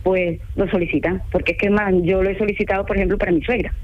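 A woman's voice: medium pitch, fairly even intonation, fast talker. Woman, Ecuadorian accent, caller, chatty, earnest, dull lo-fi phone sound. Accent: Ecuadorian Spanish. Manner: talkative, earnest, laughs easily. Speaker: caller, home care assistant. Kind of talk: phone-in radio interview.

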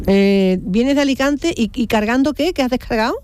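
A man hosting a live early-morning radio call-in show, chatty and quick with callers. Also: very high-pitched, a little mellow, clear, resonant tone. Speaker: radio host.

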